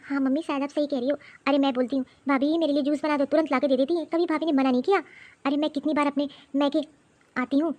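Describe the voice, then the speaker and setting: A woman's voice: high voice, fairly even intonation, fast talker, darkish tone, lightly acted. A woman voicing a gossipy young sister-in-law. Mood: teasing. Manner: gossipy, teasing. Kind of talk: cartoon voice acting.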